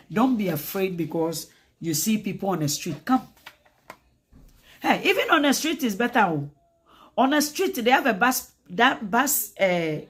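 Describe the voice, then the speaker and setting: A woman with a Ghanaian accent hosts a casual livestream, chatting in an animated, lively way and slipping between English and Twi. Her voice is husky, with a slightly breathy edge. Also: mid-range voice. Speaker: livestream host.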